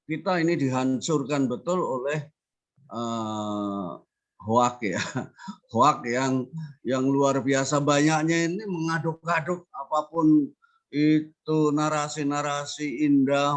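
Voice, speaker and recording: A man's voice: on the high side, steady tone, slow pace. An older man from Java, speaking earnestly as a panelist at a discussion forum and building his points through emphatic repetition. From Central Java, Indonesia. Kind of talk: spoken remarks at a discussion forum.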